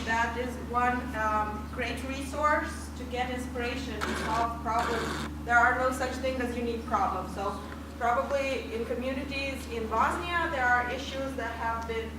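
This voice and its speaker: Brisk woman presenting in an echoey room. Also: a little high. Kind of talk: group presentation. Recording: echoey room from far off with noise.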